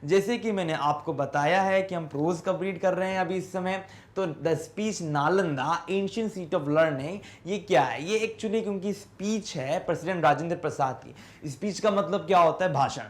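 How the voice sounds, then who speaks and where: Man, Indian accent, teacher, high voice, slow deliberate reading, self-questioning explanations. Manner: explains slowly, repeats words, asks and answers his own questions; reads English text slowly and deliberately. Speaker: English teacher. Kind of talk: classroom lesson explanation in Hindi and English.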